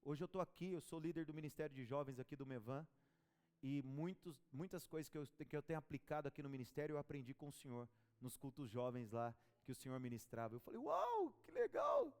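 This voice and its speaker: Animated preacher in a reverberant church. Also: male voice, medium pitch, fast, smooth. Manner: storytelling, animated, chatting with the congregation. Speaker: pastor. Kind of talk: sermon.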